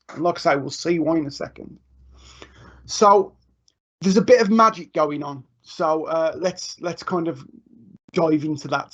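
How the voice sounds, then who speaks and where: An education technology trainer with a fairly high voice walks teachers through a software demo in a live screen-share tutorial. He's loose, chatty and informal, full of ums, restarts and self-corrections, and the muffled audio sounds dull and lo-fi, like an online stream.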